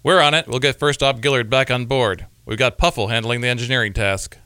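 A man's voice: mid-range voice, fairly even intonation, brisk, bright, forceful tone, clear, resonant tone, no echo, studio quality, lightly acted. A man playing a curt starship commander. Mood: commanding. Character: brisk no-nonsense male starship commander. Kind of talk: radio comedy sketch acting.

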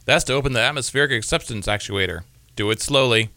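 A man voicing a brisk, no-nonsense male starship commander who speaks in curt orders. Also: mid-range voice, pushed and bright, dry recording. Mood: deadpan. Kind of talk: radio comedy sketch acting.

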